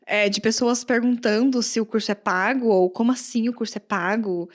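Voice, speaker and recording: A woman's voice: a little high, steady tone, normal speed. Friendly Brazilian woman hosting a podcast. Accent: Brazilian Portuguese. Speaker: podcast host. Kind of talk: casual podcast interview.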